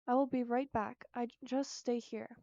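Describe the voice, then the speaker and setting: A woman's voice: on the high side, fairly even intonation, moderate pace, dark tone, no echo, highs cut off, natural voice. A woman voicing an eager, stammering little girl. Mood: nervous. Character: curious lonely eleven-year-old girl at a funeral home.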